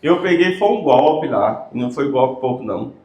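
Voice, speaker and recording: A man's voice: medium pitch, lively intonation, normal speed, darkish tone. A man giving a conversational lecture to teachers, often asking the audience rhetorical questions. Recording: roomy hall sound.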